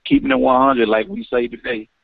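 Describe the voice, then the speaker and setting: A man phoning in to a radio talk show, earnest and often pausing with "um". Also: mid-range voice, little pitch movement, gravelly, husky, dry recording. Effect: heard over a phone line. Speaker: caller. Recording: tinny, dry phone line.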